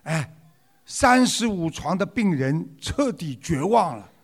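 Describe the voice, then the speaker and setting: A man's voice: high voice, very animated, slow, slightly rough, exaggerated voice. A man voicing a hospital nurse who passes on gossip. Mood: confiding.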